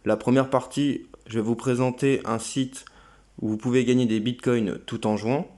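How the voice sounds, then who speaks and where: Speaking at normal speed in a flat, medium-pitched voice with a darkish tone, a male crypto channel host walks his audience through a website. The screen-recorded walkthrough is casual, and he hesitates often, filling gaps with fillers.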